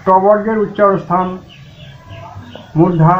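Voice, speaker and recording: Man slowly chanting and teaching. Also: high-pitched, fairly even intonation. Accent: Bengali. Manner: chants mantras slowly and drawn out, then explains plainly. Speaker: Sanskrit teacher. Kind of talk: slow chanting and explaining pronunciation. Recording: muffled, lo-fi recording with faint noise.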